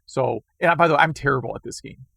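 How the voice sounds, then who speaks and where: Gravelly man losing his voice. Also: mid-range voice, fast, a bit bright, dry recording. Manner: rambling, self-deprecating. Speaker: podcast co-host. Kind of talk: casual chat.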